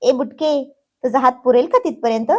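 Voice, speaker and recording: A woman's voice: high-pitched, moderate pace. A woman voicing an exasperated young man who scolds and teases, still patient underneath. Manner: scolding, teasing.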